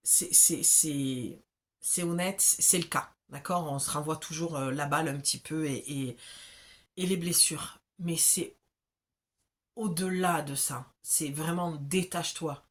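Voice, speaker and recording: A woman's voice: deep voice, steady tone, a little slow. A woman from the south of France with a southern French accent gives a casual, chatty spiritual oracle card reading to the viewer. She keeps checking in with the listener as she talks. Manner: chatty and familiar, with frequent check-ins.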